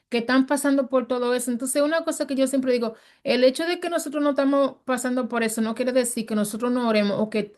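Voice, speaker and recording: A woman teaching a Bible study in a conversational sermon style, earnest and emphatic. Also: on the high side. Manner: earnest and emphatic, acts out quoted speech.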